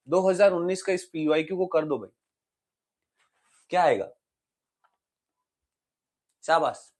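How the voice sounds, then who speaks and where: High-voiced, lively male physics teacher. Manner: lively, chatty teaching that asks the students questions; mixes English terms into Hindi explanations. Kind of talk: exam-prep physics lecture.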